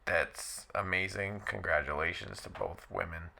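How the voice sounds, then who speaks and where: A man with a very low, heavily gravelly voice that still has a bright, forceful edge. He rants bluntly about the show on his own vlog and hammers the same points again and again. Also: measured pace, a little hiss or hum. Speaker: wrestling commentary vlogger. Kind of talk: opinionated solo rant.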